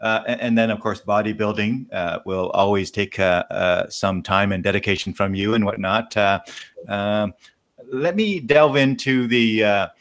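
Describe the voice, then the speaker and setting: A man from Vietnam hosting a relaxed interview, his voice sitting fairly low. He asks friendly questions, pausing often on "uh" as he gathers his thoughts. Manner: hesitant, many "uh" fillers, friendly questions. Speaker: host. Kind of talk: casual interview.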